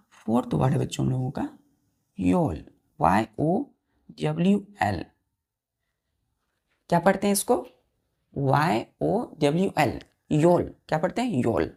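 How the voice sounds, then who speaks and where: A woman's voice: fairly low pitch, vocal fry, dark tone. A woman teaching a vocabulary lesson to students, spelling words out letter by letter and repeating each answer. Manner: asks pupils questions and answers them herself.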